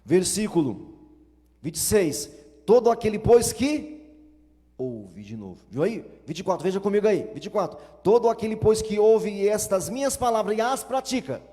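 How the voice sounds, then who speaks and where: Brazilian male pastor, emphatic sermon delivery, ringing church hall reverb, wide swings in pitch. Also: lively intonation, moderate pace, mellow. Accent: Brazilian Portuguese. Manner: emphatic preaching with rhetorical questions and repetition.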